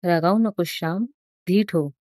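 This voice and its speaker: A woman's voice: lowish voice, normal speed, darkish tone, dry recording, studio quality, close to an everyday voice. A woman voicing a strict but loving village mother in a storybook reading, speaking in a firm, pleading tone. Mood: tearful pleading.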